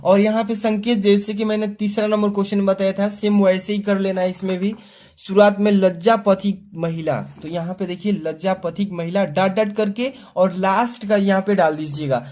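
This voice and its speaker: A young adult male teacher walking students through an exam paper, explaining step by step and reading verse aloud slowly. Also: sits high, fairly even intonation, a little mellow. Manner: explanatory, repeats "ठीक है" and "देखिए", slows down to read verse aloud; clears throat often.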